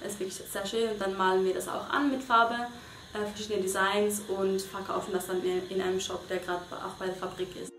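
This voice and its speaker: A woman's voice: medium pitch, level tone, fairly quick, a bit bright. A young woman from Switzerland answers interview questions in a casual, hesitant way, with many fillers and restarts. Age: young adult. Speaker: volunteer interviewee. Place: small bedroom indoors. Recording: echoey room with faint noise.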